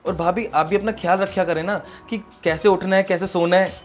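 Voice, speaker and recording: A man's voice: high-pitched, fairly even intonation, normal speed, soft background music, close to an everyday voice. A young man playing a dutiful student brother-in-law in a short film drama, earnest and exasperated. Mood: worried. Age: young adult.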